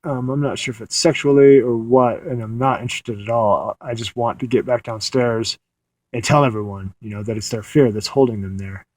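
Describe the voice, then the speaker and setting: A man's voice: mid-range voice, steady tone, moderate pace, darkish tone. A man recounting a dream in a casual, meandering way, often restarting his sentences, sitting in a parked car at night. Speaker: audio diarist.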